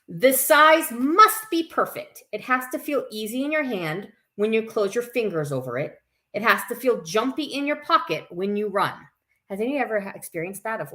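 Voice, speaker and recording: A camp staff member hosts story time, her mid-range voice pushed and bright as she reads a picture book aloud expressively. She adds informal, chatty asides to her listeners.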